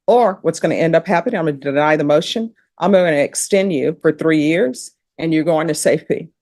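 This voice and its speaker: A woman's voice: sits low, a little fast, darkish tone. A woman judge, presiding over a court hearing in a firm, direct manner.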